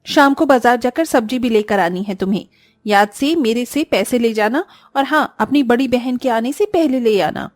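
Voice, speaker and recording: A woman's voice: on the high side, moderate pace, dry recording, clean studio sound, close to an everyday voice. A woman voicing a bossy, domineering young sister-in-law who scolds harshly and gives orders. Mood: scolding.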